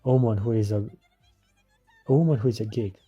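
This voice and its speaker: Very bright, husky male anime reviewer. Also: on the low side, fairly quick, soft background music. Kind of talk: scripted review narration.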